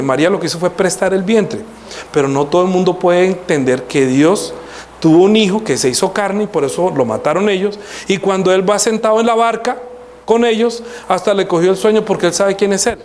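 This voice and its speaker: A man delivers a sermon in a fairly high voice. He speaks directly to his listeners and challenges them with questions. Faint ambient noise sits under the voice. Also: darkish tone. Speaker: pastor.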